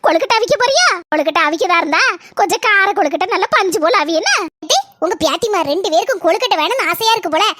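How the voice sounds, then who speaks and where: A woman's voice: extremely high pitch, animated, very fast, fairly bright tone. A woman voicing a greedy, scheming older village mother-in-law in a cartoon, nagging and scolding with a southern Tamil accent. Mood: wheedling. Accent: southern Tamil (Tirunelveli–Kanyakumari). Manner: nagging, scolding, grumbling in rural slang. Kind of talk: cartoon comedy voice acting.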